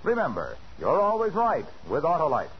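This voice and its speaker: A man's voice: on the high side, wildly swooping pitch, moderate pace, slight background noise. An American man announcing on 1940s radio with a polished, emphatic scripted delivery. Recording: muffled 1940s radio broadcast with music.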